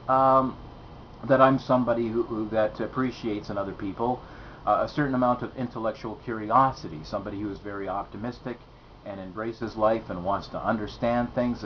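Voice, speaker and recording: A man with a lowish voice talks through a philosophical monologue. He hesitates, fills pauses and restarts, then presses hard on the words that matter. The recording is dull and lo-fi with a faint hiss underneath. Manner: hesitant, many fillers and restarts, emphatic on key words. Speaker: host. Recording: dull lo-fi sound with faint noise.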